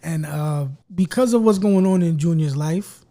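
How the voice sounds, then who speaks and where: A man hosting a casual podcast chat, joking and swearing, speaking softly into a close mic. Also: fairly high pitch, moderate pace. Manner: joking, profane, talks quietly and projects for the mic. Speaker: podcast host.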